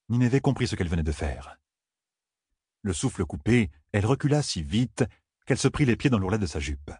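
A man reading a fantasy novel aloud in a measured, even scripted narration. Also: fairly low pitch, breathy edge, dry recording, clean studio sound. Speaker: audiobook narrator.

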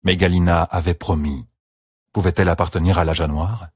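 A man reading a fantasy audiobook in a measured, expressive narration. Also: deep voice, slightly rough, no room sound.

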